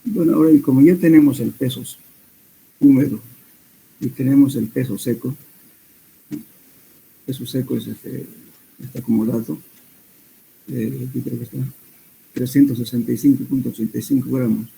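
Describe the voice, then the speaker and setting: Un hombre que da una clase de mecánica de suelos, explicando cálculos paso a paso con muletillas y correcciones. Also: male voice, mid-range voice, normal speed, gravelly, long pauses, a little hiss or hum, poor audio. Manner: steady explanatory teaching with hesitant fillers and self-corrections. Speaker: soil mechanics lecturer. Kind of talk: classroom lecture.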